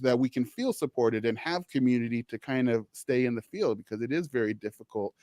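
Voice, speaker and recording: Male podcast host, mid-pitched voice, loose and rambling delivery, dry close recording. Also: fairly quick, dry recording. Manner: rambling and warm-hearted, many restarts and "you know"s. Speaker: podcast host, social worker. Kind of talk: casual podcast conversation.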